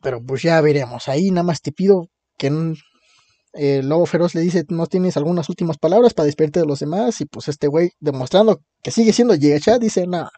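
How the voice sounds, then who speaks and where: Mexican guy chatting about comics, highish voice, kinda dark tone, dry sound. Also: brisk, dry recording. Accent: Mexican Spanish. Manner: slangy, laughing plot retelling. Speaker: podcast host recapping a comic. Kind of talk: casual chat.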